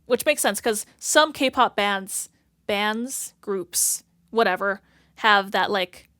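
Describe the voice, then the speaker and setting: A woman's voice: medium pitch, slow, bright, forceful tone, dry recording, studio quality. A woman hosting a reaction video, rambling casually, filling her talk with "like" and "if that makes sense" as she searches for words. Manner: thinks aloud, searching for words.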